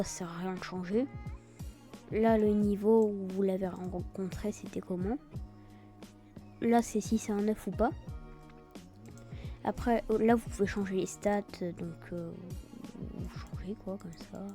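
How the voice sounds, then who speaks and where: A woman with a very dark, soft-edged voice talks through a software tutorial. Her French accent takes on an English tinge on some words. She explains casually and hesitantly, improvising as she goes, over faint music. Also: mid-range voice. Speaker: tutorial video host.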